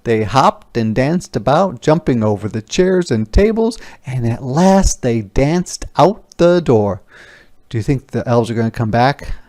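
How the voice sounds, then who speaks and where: Reading a picture book to young listeners like a teacher, this man is expressive, explaining points and asking them questions. His mid-range voice moves at a slightly slow pace.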